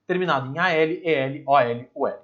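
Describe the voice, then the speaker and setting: A man's voice: a little high, fairly quick, a bit bright, highs cut off. A male teacher explains grammar in a chatty way, asking rhetorical questions and dropping asides. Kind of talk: recorded grammar lesson.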